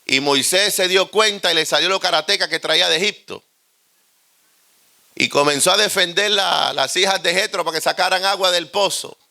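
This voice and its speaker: A man with a Puerto Rican accent preaching a humorous storytelling sermon, animated and joking. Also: high voice, moderate pace, gravelly.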